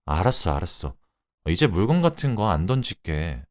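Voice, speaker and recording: A sheepish, evasive husband mumbles his words in a low voice, as a man voices him. The tone is lively in pitch, like a radio drama reading. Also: moderate pace, no echo, clean studio sound. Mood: weary. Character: sheepish husband, coaxing then weary.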